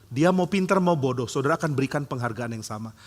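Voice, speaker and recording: A middle-aged man preaching a sermon, animated, with humorous asides and acted-out quotes. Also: medium pitch, fast, in a large hall. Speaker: pastor.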